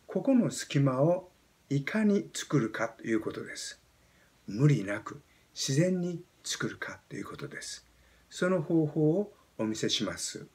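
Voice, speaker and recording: A Japanese man in his seventies teaching pronunciation, explaining step by step and demonstrating sounds with animated emphasis. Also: mid-range voice. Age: 70s. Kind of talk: explaining lesson.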